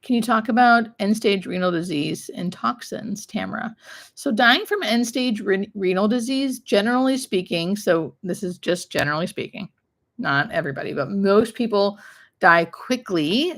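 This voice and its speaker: A woman's voice: medium pitch, animated, moderate pace, fairly bright tone. A woman hospice nurse hosting a live question session, chatting informally and explaining things in plain, conversational terms. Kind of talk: casual live-stream chat answering viewer questions.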